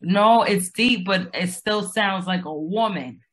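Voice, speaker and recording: A woman co-hosts a reaction show, chatting casually about a video and giving her opinions in a blunt, crude, emphatic way. Her voice is medium-pitched and slow.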